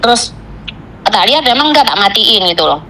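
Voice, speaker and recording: A woman on a phone call, venting about her job in rushed, broken sentences. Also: a little high, sing-song, bright, forceful tone, slight background noise. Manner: venting, tells a story in rushed fragments with Javanese fillers. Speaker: caller, migrant domestic worker. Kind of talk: casual chat.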